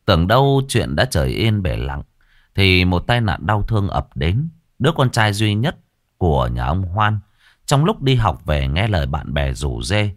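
A man's voice: lowish voice, no room sound, studio quality. A man narrating a horror story dramatically, lingering on grim details.

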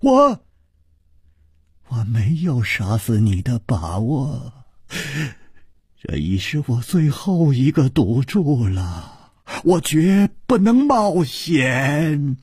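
A man voicing a desperate cornered male villain who shouts in a strained, hoarse voice. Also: sing-song, drawn-out words, no echo, studio quality, heavily acted. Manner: shouts in panic, voice cracking high.

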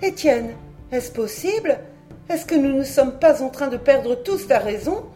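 A woman's voice: high voice, expressive, unhurried, warm tone, soft background music, pitched above the performer's own voice. A woman voicing an anxious, proper older aunt who speaks in a fretful, prim, exclaiming way in an audiobook.

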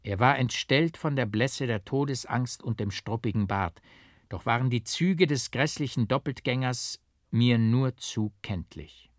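A man reading a dark old tale aloud as a narrator, with strong stresses and a firm rhythm. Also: medium pitch, unhurried, dry recording, studio quality. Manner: expressive, strongly rhythmic and emphatic. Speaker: audiobook reader. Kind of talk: dramatic literary reading. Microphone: close studio mic, dry.

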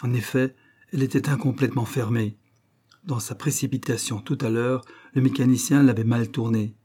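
A man narrating a novel as an audiobook in a measured, dramatic reading. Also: mid-range voice, fairly even intonation, dark tone, slightly rough. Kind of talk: scripted narration.

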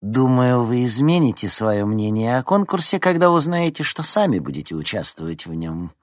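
A man's voice: medium pitch, sing-song, normal speed, breathy edge, no room sound, studio quality, voice pushed up. A man voicing a stern, imperious woman deputy head teacher who speaks with menacing sarcasm, in a storybook reading. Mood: menacing sarcastic.

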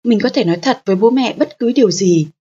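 A woman narrating a parenting audiobook in a calm, steady, explanatory manner. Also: fairly high pitch, fast talker, husky, lo-fi sound.

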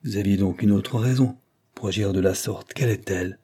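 Man doing a stern old count scolding, audiobook style, low husky dark voice. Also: fairly quick. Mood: reproachful. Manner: stern, reproachful, lecturing. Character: stern older aristocratic male count, severe.

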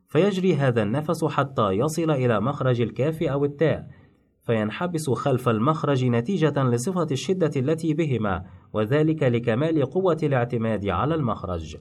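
Man calmly explaining pronunciation. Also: medium pitch, slightly rough. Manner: measured, explanatory, demonstrates sounds. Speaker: phonetics teacher. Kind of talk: scripted instructional narration.

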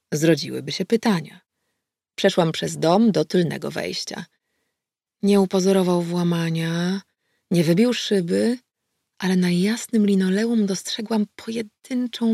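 A woman narrating a first-person audiobook in a brisk, wry, dry manner on a close studio mic. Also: fairly low pitch, vocal fry, darkish tone, breathy edge, no echo.

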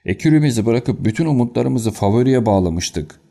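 A man reading the lines of an anxious, quick-tempered colonel in an audiobook, in an agitated and excitable manner. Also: mid-range voice, vocal fry, pitched above the performer's own voice.

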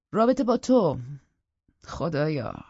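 A woman reading an audiobook, voicing an angry, accusing husband in a harsh, bitter manner with a husky voice. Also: sits low, warm tone, no echo, dull audio. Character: angry menacing grieving husband, man.

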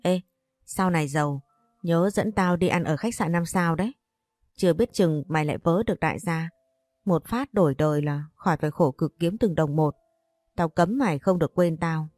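A brash, talkative young woman teases her friend and scolds her bluntly, as a woman narrator voices her. The tone is low and warm, recorded close and dry, with faint music behind. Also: normal speed, dry recording. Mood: teasing.

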